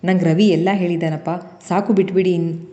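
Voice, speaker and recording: A woman plays a hot-tempered young man, sharp and quick to anger, in a mellow storybook voice. The reading has a long reverb. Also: fairly low pitch, steady tone, lo-fi sound, natural voice. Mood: heated. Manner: sharp and angry.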